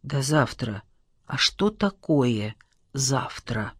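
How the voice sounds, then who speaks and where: A woman's voice: extremely low pitch, animated, drawn-out words, breathy edge, no echo, studio quality, pitched below the performer's own voice, heavily acted. A woman reader voicing a reserved young woman who speaks curtly and sternly. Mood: pensive. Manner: curt, stern.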